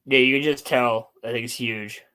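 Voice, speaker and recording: A male host with a mid-range voice chats casually with a co-host. He presents his topics and reads articles out loud. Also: mid-range voice, steady tone, moderate pace, clear, resonant tone, rough recording. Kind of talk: casual chat and reading articles aloud.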